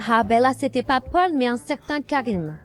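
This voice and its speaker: A woman's voice: on the high side, animated, moderate pace, soft background music, close to an everyday voice. A synthetic woman's voice as a blunt, echoey police officer. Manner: matter-of-fact reporting.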